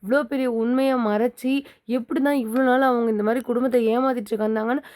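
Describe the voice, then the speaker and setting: A woman's voice: on the high side, steady tone, fast, a little mellow, close to an everyday voice. A woman voicing a tearful young wife who speaks in sad, distressed pleading.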